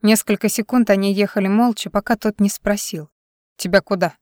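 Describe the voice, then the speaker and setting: A woman reading a novel aloud in a steady storytelling manner. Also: mid-range voice, fairly quick, no room sound, studio quality. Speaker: audiobook narrator. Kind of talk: scripted narration.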